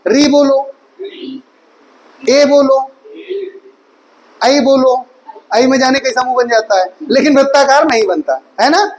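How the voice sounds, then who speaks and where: A woman's voice: sits high, slow, long pauses, a little mellow, a little hiss or hum, poor audio. A woman teaching an online Hindi exam-prep class, drilling vowel sounds aloud and quizzing her students with rhetorical questions, calling them 'beta'. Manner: addresses students affectionately as 'beta'. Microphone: recorded for mobile viewers.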